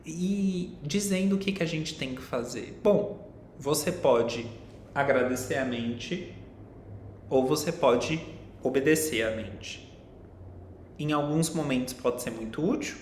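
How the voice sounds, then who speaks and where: Speaking with a Brazilian Portuguese accent, a young male psychologist delivers an online lecture, explaining concepts and directly asking his viewers questions. The room sounds echoey, and a faint rumble sits underneath.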